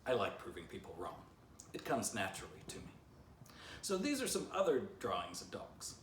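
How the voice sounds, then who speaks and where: Reading aloud from a book he wrote for children, a man in his fifties uses a lowish voice with big pitch swings at a moderate pace, sprinkling in playful remarks to young listeners. The living-room fireplace setting and a camera a few feet off produce a roomy, slightly distant recording with a little hiss.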